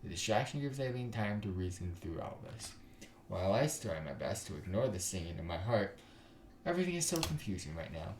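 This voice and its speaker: Brisk and low-pitched with big swings in his intonation, a gaming YouTuber gives a dramatic visual novel reading, jumping into character voices between his own remarks. Guitar music plays under a roomy echo, along with slight background noise.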